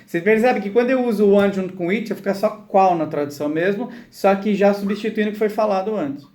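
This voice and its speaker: A man with a high voice teaches an English class. He explains patiently and acts out short example dialogues to make each point. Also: fairly quick, a little mellow. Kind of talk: live online English class.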